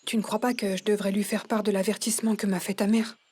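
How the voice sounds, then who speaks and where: A woman's voice: medium pitch, little pitch movement, quick pace, darkish tone, breathy edge, dry recording, close to an everyday voice. An actress dubbing a loving young woman who stands firm with her partner, tender but resolute. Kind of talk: dubbed telenovela acting.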